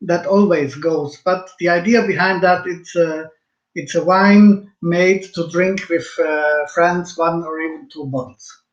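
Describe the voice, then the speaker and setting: A man from Switzerland presenting a wine in an online seminar, speaking calmly with frequent fillers over a video call. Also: a little high, unhurried. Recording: roomy, dull video call audio.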